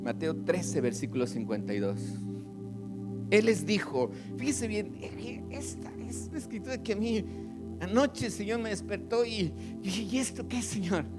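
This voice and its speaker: A man with a Mexican Spanish accent preaching a sermon as pastor, animated, acting out the voices of congregants. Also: high voice, moderate pace. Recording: music playing behind.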